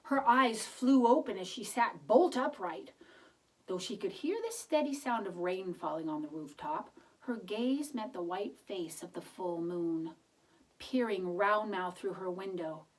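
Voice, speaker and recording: A woman with a mid-range voice reads a picture book to children a little slowly and expressively, adding chatty asides that explain words and ask the listener questions. She sounds far from the mic, and the recording is low quality.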